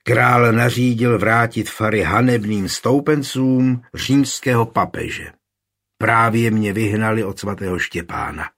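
A man's voice: fairly low pitch, fairly bright tone. A man reading the part of a beaten preacher, out of breath and indignant, speaking urgently.

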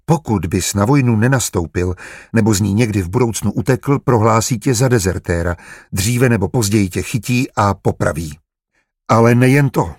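Man as a gentle, measured estate official. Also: lowish voice, breathy edge, dry recording, clean studio sound. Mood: stern. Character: kindly middle-aged male official.

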